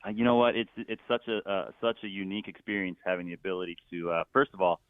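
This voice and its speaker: A middle-aged Philadelphia stadium announcer talks casually as a guest in a phone interview, rambling with lots of fillers and restarts. His low voice is level and fast, coming through a tinny, dry phone line with no echo.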